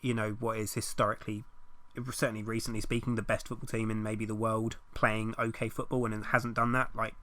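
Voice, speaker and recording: Bright-voiced, opinionated man. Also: lowish voice, flat delivery. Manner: opinionated, quick, sweary asides. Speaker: podcast co-host. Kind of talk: casual comedic podcast chat.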